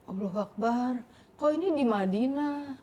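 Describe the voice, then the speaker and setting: A woman's voice: a little high, animated, moderate pace, mellow, husky. A middle-aged woman, a podcast guest, telling her life story with feeling and acting out her own past words and prayers. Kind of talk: emotional personal storytelling.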